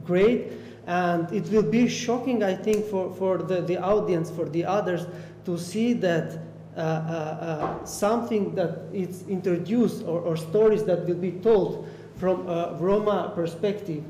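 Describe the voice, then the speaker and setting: This is a young man's high, warm voice at a measured pace, recorded through a stand mic in an echoey hall with faint noise. He's an artist panelist from Albania, Romani by first language, speaking hesitantly and filling his talk with repeated words and fillers during a panel discussion in an art gallery room.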